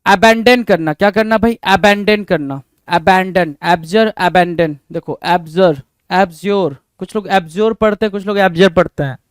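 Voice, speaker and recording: High-voiced male teacher drilling words. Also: normal speed, hardly any pauses, clean tone, no room sound. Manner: rhetorical questions to students, repeats words. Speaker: vocabulary teacher. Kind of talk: exam-prep vocabulary lesson.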